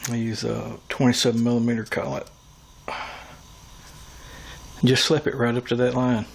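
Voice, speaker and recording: A man's voice: medium pitch, flat delivery, unhurried, vocal fry, slight background noise. A man giving a hands-on workshop tutorial, talking through each step as he works with his tools. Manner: talks through each step while working. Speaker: airgun tuner demonstrating machining.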